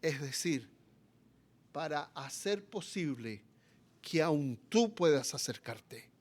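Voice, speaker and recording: A Chilean-accented pastor delivers his sermon with swings from loud, passionate appeals down to quiet, low passages.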